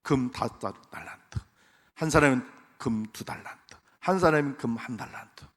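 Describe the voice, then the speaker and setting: A male pastor preaches a Sunday sermon in a church sanctuary, speaking emphatically and directly to his congregation. His voice is medium-pitched at a normal speed, and the recording carries the long reverb of a church hall.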